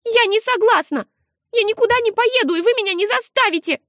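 A woman voicing an upset, tearful little girl in a high, pleading voice. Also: measured pace, gravelly, no room sound, clean studio sound, heavily acted. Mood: defiant. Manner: high, pleading, on the edge of tears.

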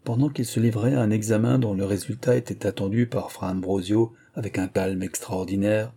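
Male narrator, measured literary read, dark and husky, a touch low. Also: fairly even intonation. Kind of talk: scripted narration of a historical tale.

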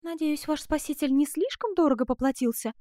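A woman puts on an anxious young noblewoman in an audiobook. Her voice sits very high and breathless. The sound is close and dry. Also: animated, brisk, dark tone, no room sound.

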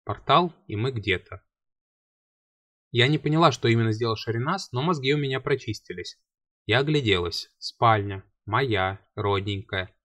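A man reading a fantasy audiobook aloud in a wry, lively first-person telling. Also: medium pitch, moderate pace, no room sound. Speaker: audiobook reader.

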